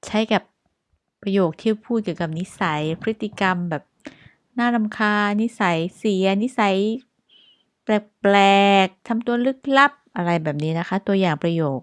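Slow, deliberate Thai woman teacher. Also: on the low side, no room sound. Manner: reads example sentences very slowly and clearly, twice. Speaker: English teacher. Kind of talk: slow English lesson with Thai explanations.

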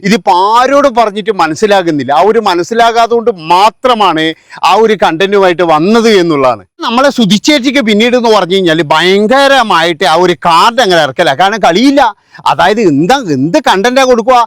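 Scornful high-voiced man mocking. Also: lively intonation, brisk, fairly bright tone, no room sound, clean studio sound. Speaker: vlogger. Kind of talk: sarcastic commentary vlog.

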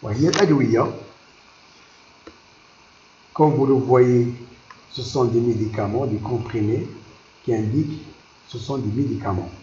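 A man teaching a vocabulary lesson, repeating each word slowly and explaining it, moving between languages. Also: mid-range voice, mellow, reverberant, dull audio, slight background noise.

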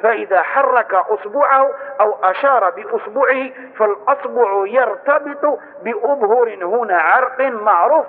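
A man with an Algerian accent teaches a religious lesson in a quick, high-pitched voice. He demonstrates as he explains and keeps checking that his listeners follow. The recording is thin and tinny, with a long echo from a large hall.

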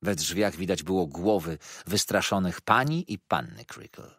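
A man reading a classic novel aloud as an audiobook narrator, with expressive, dramatic storytelling. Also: low voice, measured pace, husky, dry recording, clean studio sound.

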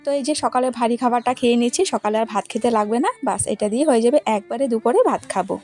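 A woman's voice: on the high side, racing, darkish tone, soft background music. A young woman narrating her day in a plain, matter-of-fact voice-over, sounding tired and weak.

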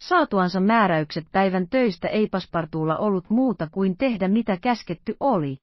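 A woman narrating a classic novel as an audiobook in a steady, measured reading. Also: medium pitch, dry recording, highs cut off.

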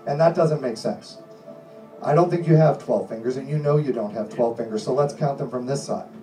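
A middle-aged stage hypnotist and host, performing at a small indoor comedy club, delivers insistent suggestions in measured, repeated phrases. The voice is medium-pitched and dark, heard through a handheld mic and club PA and recorded from the audience by a distant camera, so it's echoey with music behind it.

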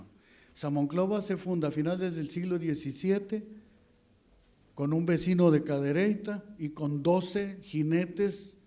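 A man's voice: on the high side, warm tone. Man giving a folksy history talk. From northern Coahuila, Mexico. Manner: folksy, rambling, with many fillers and restarts. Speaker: guest historian speaker. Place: auditorium stage. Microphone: handheld mic.

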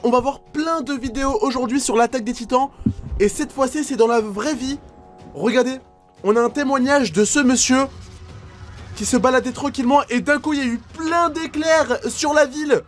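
A man reacting to videos as a YouTuber, giving excited commentary full of exclamations and gasps. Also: very high voice, normal speed, faint music behind.

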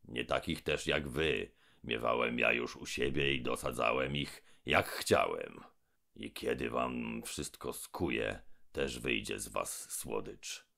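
A man's voice: very deep voice, gravelly, bright, forceful tone, full character voice. Gębon, a man voicing a pompous robber giant. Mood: pompous, menacing. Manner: pompous, slow and menacing. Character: huge pompous robber monster with diploma, male. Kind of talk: audiobook character voice.

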